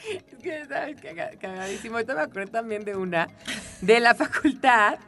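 A woman's voice: fairly high pitch, lively intonation, a little fast, fairly bright tone, soft background music. A Mexican woman co-hosting a casual chat show, telling stories from her university days. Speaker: radio show co-host.

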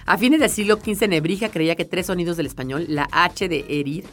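Lower-pitched woman explaining words. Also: brisk, faint music behind. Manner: explanatory, often ends with a questioning "¿no?". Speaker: radio co-host. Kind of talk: casual radio chat on language.

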